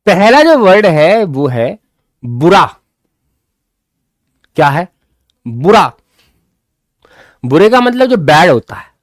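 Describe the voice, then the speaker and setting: A man's voice: sits high, very animated, normal speed, no echo, studio quality. A man teaching English grammar in a live online class, repeating key points and coaxing his students along.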